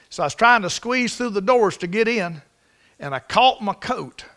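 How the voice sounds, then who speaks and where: High-voiced fervent preacher. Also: male voice. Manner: swings from hushed to loud and fervent. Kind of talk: sermon storytelling.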